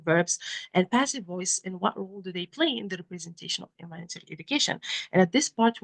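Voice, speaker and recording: A woman with a Moroccan accent presenting research at an academic conference in a halting, often self-correcting way. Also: medium pitch, creaky, a bit bright, low-quality recording. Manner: hesitant, halting delivery with frequent self-corrections.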